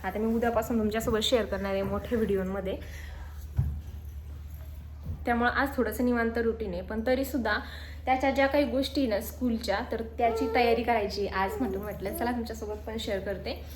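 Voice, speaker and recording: A woman's voice: on the high side, steady tone, fast, reverberant, a little hiss or hum. A young woman chatting casually for her home vlog, filming on her phone. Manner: chatty, talks to her little son in a coaxing sing-song voice. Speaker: mom vlogger. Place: small room at home. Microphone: handheld phone.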